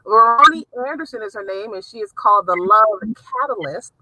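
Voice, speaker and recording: A woman's voice: a little high, lively intonation, a little fast, noisy background. A woman with a New Orleans accent, hosting a casual interview with enthusiastic, talkative energy. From South Louisiana. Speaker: host.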